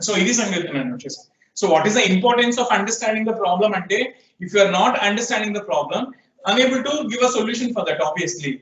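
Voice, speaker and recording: A man's voice: high voice, lively intonation, slow pace, a bit bright. A man with a Telugu accent teaching programming in a classroom lecture, questioning his students and prompting them to answer. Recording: echoey room, distant, dull lo-fi sound.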